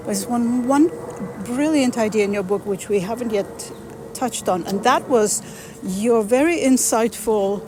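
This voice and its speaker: A woman interviewer speaking reflectively and haltingly while walking outdoors. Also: fairly high pitch. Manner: reflective, hesitant, many fillers. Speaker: interviewer host. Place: outdoors in a cemetery, traffic nearby. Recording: outdoor background noise and traffic.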